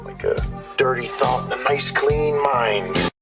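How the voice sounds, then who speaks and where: A man delivering a brooding, gravelly film line over plucked guitar music. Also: medium pitch, expressive, measured pace. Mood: musing.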